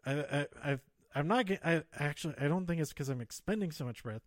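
Guy rambling solo on his podcast, kinda halting, bit out of breath, really close dry mic. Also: fairly high pitch, lively intonation, no room sound. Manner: hesitant, halting, trailing off and circling back. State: slightly out of breath, holding back exhales. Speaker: podcast host. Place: close-miked, dry recording. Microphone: handheld or close microphone plugged into a phone.

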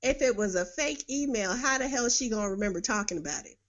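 A woman's voice: on the high side, expressive, fast. A middle-aged woman from New York hosting a podcast, giving blunt, sarcastic political commentary with frequent laughs. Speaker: podcast host. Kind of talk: casual political commentary monologue.

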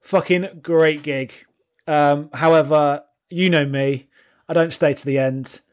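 Higher-pitched British man chatting casually. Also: steady tone, slow pace. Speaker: podcast co-host. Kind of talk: casual chat.

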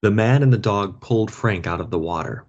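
A man reading a story aloud for learners, slow and expressive. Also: on the low side. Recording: dull lo-fi podcast audio.

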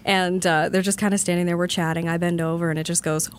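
A woman's voice: fairly low pitch, little pitch movement, fast talker, a little hiss or hum. A young woman in her twenties, a florist from Ontario, telling frank, blunt stories in casual podcast chat. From Ontario, Canada. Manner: frank, blunt storytelling with swearing. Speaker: guest florist.

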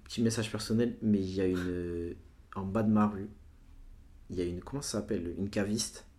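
Fast-talking man with suburb street slang. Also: lowish voice. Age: 30s. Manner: animated retelling with quoted dialogue. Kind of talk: casual anecdotal storytelling.

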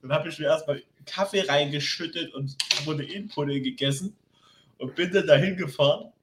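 A man's voice: fairly high pitch, normal speed, echoey room, background noise. A young man telling a rambling story in casual slang as a podcast co-host. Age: young adult. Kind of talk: casual chat.

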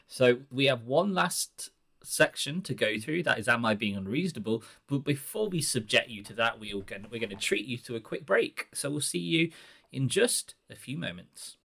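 A man hosting a podcast, reading forum posts aloud in a measured, earnest way. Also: medium pitch, lively intonation, gravelly, fairly bright tone, breathy edge. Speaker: podcast host.

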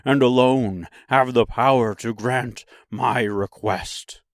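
A man voicing an earnest, pleading cowardly lion with loud, emphatic delivery in a storybook reading. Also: medium pitch, steady tone, no room sound, studio quality. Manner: loud, emphatic, slow declarations.

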